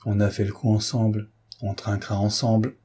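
A man's voice: fairly low pitch, level tone, fairly quick, dark tone, slightly rough. A man reading an audiobook voices a blunt, fatalistic condemned killer with curt, clipped phrasing. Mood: grim blunt.

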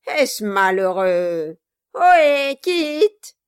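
A woman's voice: medium pitch, big pitch swings, very slow, smooth, no room sound, clean studio sound. A woman voicing a hideous, gleeful dwarf man who jeers and cackles with mocking laughter. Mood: jeering glee. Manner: shrieking, jeering with cackling laughs.

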